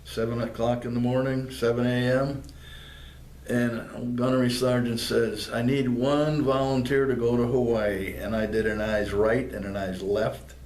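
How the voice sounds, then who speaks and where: A man's voice: medium pitch, little pitch movement, measured pace, darkish tone. Older man, plainspoken veteran, fillers and restarts, echoey room, faint hiss. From northeastern Pennsylvania. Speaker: veteran interviewee. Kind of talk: oral history interview. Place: public library room. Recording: roomy, with faint background noise.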